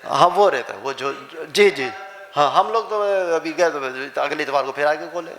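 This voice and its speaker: A man's voice: fairly high pitch, animated, a bit bright. Older man teaching Quran recitation in an echoey class. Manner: explains patiently, drills letter sounds with students. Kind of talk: classroom tajweed lesson. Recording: echoey classroom with background noise.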